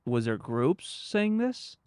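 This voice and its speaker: A man's voice: medium pitch, big pitch swings, slow, darkish tone, dry recording, studio quality. A man interviewing someone in a conversational way, with short emphatic phrases and pointed questions.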